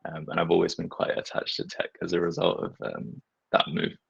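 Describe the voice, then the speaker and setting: A man's voice: deep voice, animated, fairly quick, vocal fry, fairly bright tone, husky. A man from Nepal speaking as a designer on an online panel, earnest and reflective, with a lot of casual filler words. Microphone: video call. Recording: dull, lo-fi video call audio.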